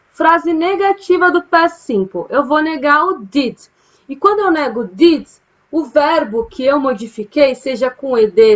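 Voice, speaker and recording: Slow, high-voiced woman teaching grammar. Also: fairly bright tone, dull audio. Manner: explains patiently, often asks "né?" and "tá, gente?". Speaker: English teacher. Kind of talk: casual online grammar lesson. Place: home, during quarantine.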